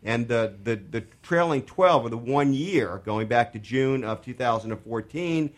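A man's voice: medium pitch, moderate pace. A man hosting a radio talk show on investing, explaining portfolio figures with many fillers and restarts.

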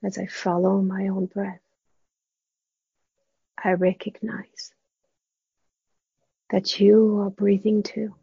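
Hushed, breathy woman guiding meditation very slowly. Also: medium pitch, level tone, no echo. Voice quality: soft, breathy, husky. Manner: slow, gentle delivery with long pauses. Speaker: meditation guide. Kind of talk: guided meditation in a soft, hushed, spa-like near-whisper. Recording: dull, muffled, dry close recording.

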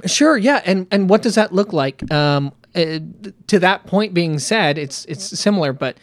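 A man co-hosting a casual podcast chat about running tabletop games, animated and laughing often. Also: sits high, measured pace. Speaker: podcast co-host and game master.

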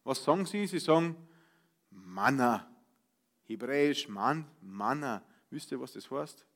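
A Bavarian man preaching a sermon, switching between loud outbursts and soft asides and acting out grumbling voices. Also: mid-range voice, expressive, unhurried.

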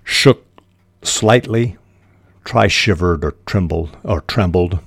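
An older man with a very low voice talks slowly and deliberately, like a host reading his own script. The sound is close and dry, with no room around it. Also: creaky, breathy edge, no echo. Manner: measured, deliberate teaching delivery. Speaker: writing podcast host. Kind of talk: scripted podcast talk.

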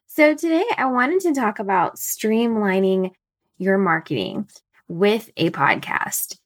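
A woman in her thirties hosting a solo podcast from home early in the morning, her voice a bit raspy, chatty and thinking out loud with fillers. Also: medium pitch, expressive, takes it slowly. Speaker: podcast host. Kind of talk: casual solo podcast talk.

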